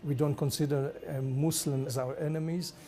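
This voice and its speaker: Mellow, halting man with an Israeli accent. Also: a little high, steady tone. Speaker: ambassador. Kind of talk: formal interview answers. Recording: clear background noise.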